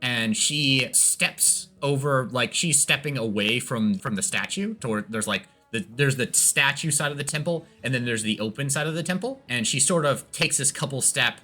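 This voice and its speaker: A man narrating as game master of a tabletop game, halting with many restarts. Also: mid-range voice, animated, sharp tone, faint music behind.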